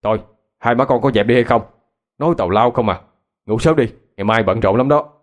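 A man with a Southern Vietnamese accent voicing a gruff father telling his family off, in a spoken ghost story. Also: mid-range voice, fairly quick, natural voice. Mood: stern. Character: stern father calling out from afar.

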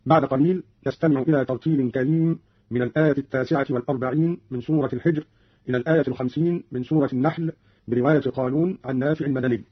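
A man presenting a radio program, explaining variant Quran readings in a measured, didactic way and quoting the verses. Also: medium pitch, fairly even intonation, slightly rough. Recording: dull old radio recording.

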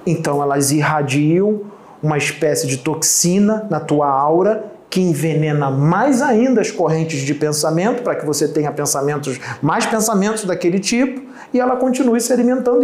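A man giving a channeled spiritual teaching as a medium, piling up repeated phrases and rhetorical questions and clearing his throat often. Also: on the high side, expressive, moderate pace, darkish tone. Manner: repetitive lists and rhetorical questions. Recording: roomy echo, faint background noise.

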